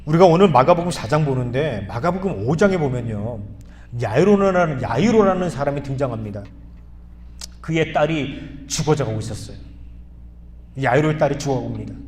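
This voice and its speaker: A man preaching a sermon as pastor, earnest and repeating phrases for emphasis, often rising to loud pleading. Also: on the high side, lively intonation, moderate pace, long pauses, a little hiss or hum. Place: church sanctuary. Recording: hall reverb.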